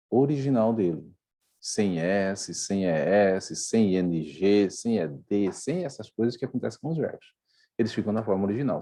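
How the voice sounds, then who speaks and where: Brazilian guy teaching english grammar online, mellow husky voice, keeps checking in with tá and né. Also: lowish voice. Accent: Brazilian Portuguese. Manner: explains step by step, often checking in with "tá?" and "né?".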